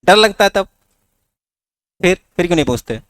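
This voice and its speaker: A man's voice: high voice, expressive, normal speed, fairly bright tone, dry recording. A man teaching a class with a north Indian Hindi accent, coaxing students with rhetorical questions. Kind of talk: classroom lecture.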